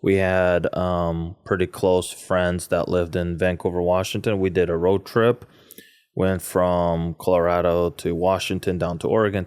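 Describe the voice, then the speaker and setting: A man in his forties who grew up in Russia, chatting as a podcast guest. His voice sits very low and sounds smooth and resonant, and he tells his stories with animated energy and easy laughter. The recording is close and dry. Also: dry recording. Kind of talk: casual interview chat.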